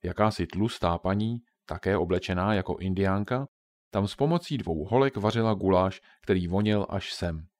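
A man with a low, steady voice narrating a children's storybook. His reading is calm and measured, scripted audiobook narration without fuss.

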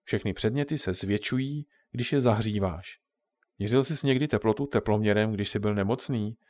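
A man voicing a kindly old grandmother who patiently explains things to her grandchildren, in a low voice. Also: darkish tone, no echo, natural voice.

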